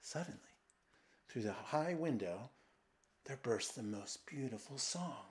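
A man reading a fairy tale aloud slowly and dramatically, sometimes dropping into a whisper. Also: medium pitch, animated. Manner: slow, hushed, dramatic, with whispered passages. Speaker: storyteller and translator. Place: old mill, indoors.

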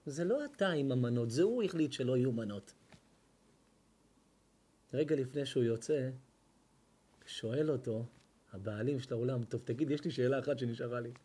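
A man, a rabbi telling a sermon story and acting out its dialogue, swinging between hushed lines and loud bursts. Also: medium pitch, slightly rough. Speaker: rabbi giving a Torah lesson. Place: hall at an evening lecture.

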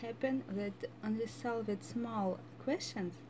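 A woman's voice: a little high, takes it slowly, noisy background. A woman with a Russian accent giving casual commentary, hesitant and thoughtful, with frequent fillers. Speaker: reaction channel host.

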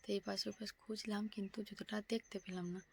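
A young woman speaking in a hushed, whispered vlog voice at home so her sleeping child won't wake, in whispered role-play style. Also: medium pitch, little pitch movement, racing, vocal fry, slightly rough. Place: home, indoors at night.

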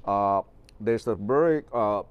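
Speaking slowly in a lowish, clean voice, a middle-aged orchid grower and show host from Taiwan rambles through a greenhouse live stream in a Taiwanese accent, full of fillers and restarts. The setting is a large greenhouse, and the recording is dry but muffled.

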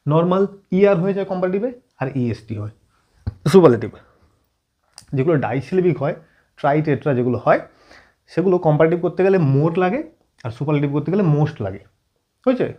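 A man teaching an English grammar lesson at a whiteboard, often checking in with his students and slowing down as he writes. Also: fairly high pitch, lively intonation, dull audio. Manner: frequent check-in questions to students; writes on board while explaining, slowing down.

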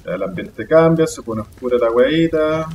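A man's voice: on the high side, moderate pace, a little mellow. Young man, Chilean accent, slangy gaming commentary, muttering, swearing, slightly far from mic, faint background noise. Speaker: gamer. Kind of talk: casual let's play commentary. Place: indoor room at a computer.

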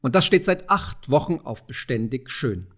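A man's voice: medium pitch, very animated, moderate pace, a bit bright. A man voicing a fat, proud, wealthy old farmer who talks in a blustering, mocking way.

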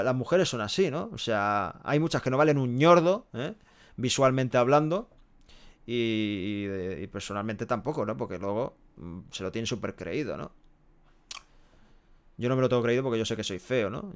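A man's voice: mid-range voice, clean tone. A young man from Barcelona, live-streaming from a small room with a headset mic, reading chat messages aloud and answering them frankly. He speaks casually and keeps tagging his sentences with little questions. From Barcelona, Spain. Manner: chatty, frank, tags sentences with "¿eh?" and "¿no?". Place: small room with a pale green wall, indoors. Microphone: headset microphone.

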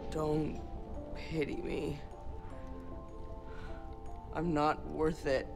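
A woman's voice: low voice, level tone, extremely slow, gravelly, heavily acted. A woman playing a fragile, despairing young woman in a video game, speaking in a trembling, self-loathing way. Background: game music.

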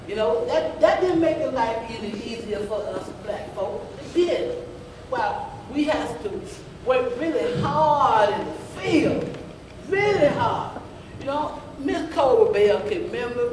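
On the stage of a mid-sized church sanctuary, a woman acts out a high-voiced, rambling granny: an old Southern ex-field-hand who is folksy and scolding. Reminiscing, she tells stories in this amateur gospel play monologue, calling everyone "baby." Audio is from a camera a few metres back, capturing the roomy hall's echo and audience noise.

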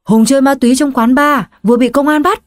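A woman's voice: sits high, fairly even intonation, voice pushed up, close to an everyday voice. Woman doing an urgent young male caller. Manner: hurried, urgent.

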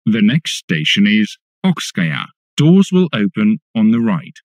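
A man reads recorded subway announcements slowly and deliberately. His formal voice rises and falls very widely in pitch, with a dry, close sound. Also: big pitch swings, no echo. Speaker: English-language metro announcer.

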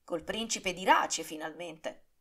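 A woman's voice: on the low side, a little slow, bright, forceful tone, exaggerated voice. A woman voicing a swaggering young male swordsman in an audiobook, teasing and ironic as he taunts. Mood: breezy. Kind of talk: audiobook character reading.

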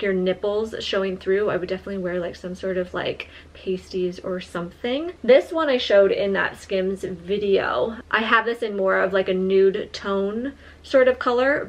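A woman's voice: medium pitch, a bit bright. A young woman chatting casually to her viewers in a try-on haul, full of "like" fillers, filmed in a small apartment on a camera. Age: young adult. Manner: chatty, frequent "like" fillers, friendly address to viewers. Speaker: lifestyle vlogger. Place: small modern apartment indoors.

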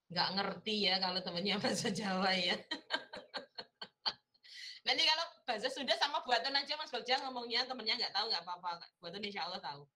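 Javanese lady lecturer joking around with her class on a video call, bright voice, laughs a lot. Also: fairly low pitch. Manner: playful teasing, laughing often, mixing in Javanese words. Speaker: university lecturer. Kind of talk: casual chat with students in an online class.

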